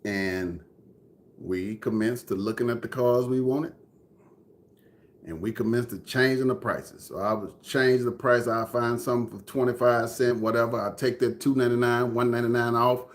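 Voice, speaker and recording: Man, 30s, Texan accent, earnest, conversational storytelling, middle pitch. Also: fairly even intonation, normal speed. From Dallas, Texas. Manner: earnest, conversational, repeats phrases for emphasis. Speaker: livestream host telling his story. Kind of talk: personal storytelling to a live chat. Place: indoors, room with air conditioning.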